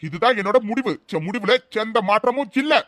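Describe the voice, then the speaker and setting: A man's voice: high voice, animated, a little fast. A man voicing a stubborn stern father. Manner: stern, unyielding. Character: stubborn proud middle-aged father. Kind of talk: cartoon voice acting.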